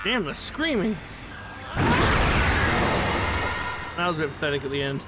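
A man's voice: on the high side, racing, heavy background noise. A man putting on a playful, boastful martial-arts hero, giving goofy in-character gameplay commentary. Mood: amused. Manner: goofy, excitable. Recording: loud game music behind.

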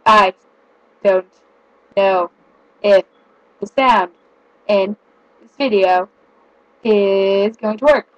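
Woman speaking like a halting robot. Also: mid-range voice, muffled recording. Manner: slow halting word-by-word robotic delivery. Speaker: vlogger. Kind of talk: casual vlog chat.

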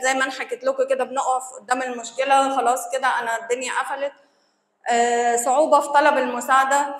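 A woman's voice: high voice, a bit bright, slight background noise. Egyptian woman lecturing in an echoey hall. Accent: Egyptian Arabic. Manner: conversational, acts out quoted reactions. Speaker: church service lecturer. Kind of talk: lecture to church servants. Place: church hall.

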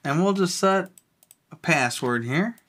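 A tech video host with an animated, unhurried, mid-range voice gives a casual, rambling walkthrough of a software tool, thinking out loud as he clicks around.

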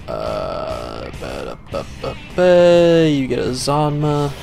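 A man's voice: medium pitch, a little slow. A young man giving casual gameplay commentary in a sarcastic, profane, muttering way, close to a desk mic. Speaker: let's play gamer. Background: faint game music.

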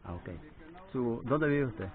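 Hesitant, gravelly man heard from afar. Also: medium pitch, lively intonation, slow. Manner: hesitant, many fillers. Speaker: interviewer. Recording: distant, tinny, with crowd noise.

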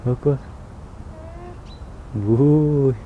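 A man's voice: mid-range voice, extremely slow, phone-quality sound, slight background noise. A man vlogging from outdoors in a zoo enclosure, chatting casually and soothing the animals as he films. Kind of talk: casual narration while filming animals.

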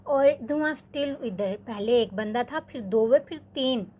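Young woman vlogger, slightly high pitch, animated casual storyteller who leans on filler words. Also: unhurried, lo-fi sound, slight background noise. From Pakistan. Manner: chatty, animated, peppers speech with filler words.

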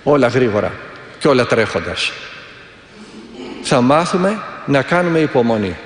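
Very animated and pitched in the mid range, the man's voice fills an echoing, reverberant hall. He is an Orthodox monk preaching and telling stories with earnest, vivid delivery, repeating his prayers.

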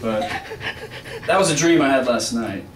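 Man, deadpan rambling monologue, wry asides, live room recording, distant mic, echoey. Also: mid-range voice, quick pace, very noisy. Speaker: experimental music performer. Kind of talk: rambling spoken monologue between improvised music. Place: small apartment used as a live music venue.

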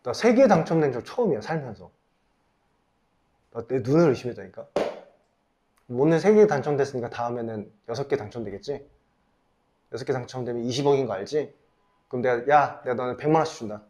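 A male academy teacher casually telling a story to his class in a classroom, with animated, teasing banter toward the students. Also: mid-range voice. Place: classroom, indoors.

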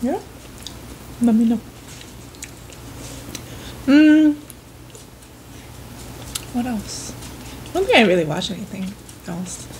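A woman chatting casually over a meal, easygoing and quick to ask short follow-up questions. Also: on the high side, very animated, a little mellow, slight background noise, low-quality recording.

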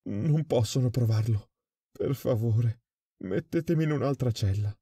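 A man voicing a terrified adult male prisoner who begs and stammers in a high, desperate voice. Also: unhurried, dark tone, husky, no room sound, studio quality. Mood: terrified pleading.

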